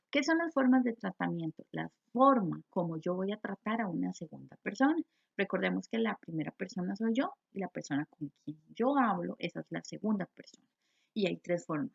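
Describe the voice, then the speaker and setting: Costa Rican woman teacher with a gravelly voice. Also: mid-range voice. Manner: explains step by step, asks and answers her own questions. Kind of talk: recorded grammar lesson. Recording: dull lo-fi recording.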